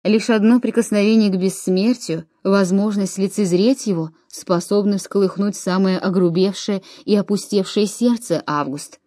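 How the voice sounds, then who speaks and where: A grave, world-weary Roman commander in his late forties, read by a woman in a storybook reading, his words dropping low and heavy. The voice is mellow and dark, set close and dry with no room around it. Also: moderate pace, hardly any pauses, no room sound, natural voice. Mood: awed. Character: aging weary Roman commander, man of forty-seven.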